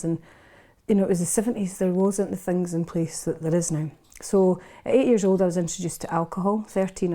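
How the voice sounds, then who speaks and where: Speaking candidly as a podcast guest, this woman from Scotland in her fifties recounts her life in a casual interview, open and unguarded with frequent restarts. She has a lowish, warm voice.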